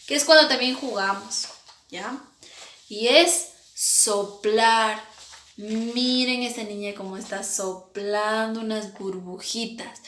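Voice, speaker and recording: A woman teaching young children about sounds, imitating each one in a slow, sing-song way. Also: mid-range voice, a bit bright, a little hiss or hum. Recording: echoey room.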